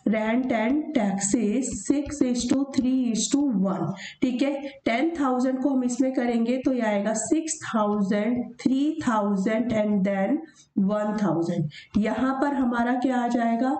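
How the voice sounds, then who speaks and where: A woman teacher with a mellow, fairly high voice talks through a worked problem over her notes. She poses questions and answers them herself, and she slows down to read the question word by word. The sound carries a roomy echo. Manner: reads the question slowly, then explains step by step. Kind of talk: lesson over handwritten notes. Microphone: voice-over of screen notes.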